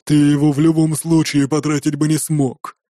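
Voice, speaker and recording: A man's voice: a little high, flat delivery, normal speed, mellow, no echo, clean studio sound, natural voice. A man voicing a mocking male northern warrior who drawls with a smirk.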